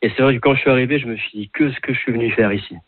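A man's voice: mid-range voice, rapid-fire, husky, no room sound. Guy in his 30s from france phoning in, lots of umms and restarts, thin phone sound. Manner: hesitant, many fillers and restarts. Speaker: caller. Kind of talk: casual chat on a phone line. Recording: tinny phone line.

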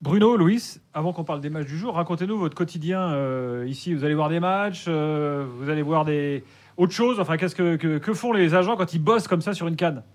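A man's voice: on the high side, a little fast. A man hosting a live sports radio chat show, chatty with lots of fillers and frequent laughs. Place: studio on location.

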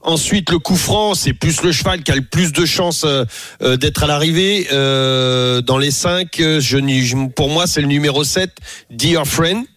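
Hesitant male radio pundit, slightly high. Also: a little slow, a bit bright, dry recording. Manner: hesitant, lots of euh and restarts, jokey. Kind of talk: casual studio analysis. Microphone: studio microphone.

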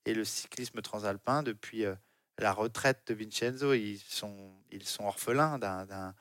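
A man's voice: on the low side, unhurried, a bit bright, no room sound. A French man working as a cycling consultant, speaking with passion in a radio studio and often repeating words as he restarts. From France. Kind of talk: lively radio studio discussion.

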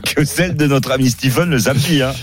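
A man's voice: mid-range voice, soft background music. A man co-hosting a radio show, joking and teasing in casual chat. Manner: teasing, quick quips. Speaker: radio co-host.

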